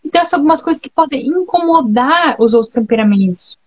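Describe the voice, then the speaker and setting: This woman's high, expressive voice moves at a quick pace and has a darkish tone. She's from Brazil and hosts a casual live talk on temperaments, reflecting aloud in a chatty way while repeatedly checking in with the people listening.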